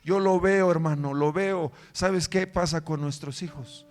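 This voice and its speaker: A man pastor preaching a sermon with fervent rhetorical questions, swinging between loud emphatic lines and quiet low ones. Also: steady tone, a little slow.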